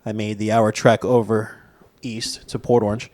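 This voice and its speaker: A man's voice: on the low side, little pitch movement, moderate pace, darkish tone. A young man co-hosting a casual podcast, telling a story at an easy pace and laughing often. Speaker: podcast co-host. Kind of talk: casual chat.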